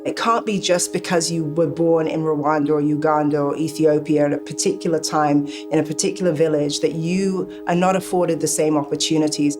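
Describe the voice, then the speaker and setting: A woman's voice: deep voice, fairly even intonation, normal speed, hardly any pauses. A woman giving a reflective, thoughtful documentary interview. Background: music.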